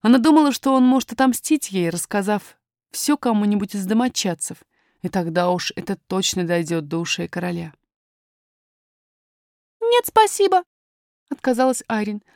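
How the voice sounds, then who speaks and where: A woman narrating a storybook in an expressive, measured reading. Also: medium pitch, dry recording, studio quality. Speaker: audiobook reader.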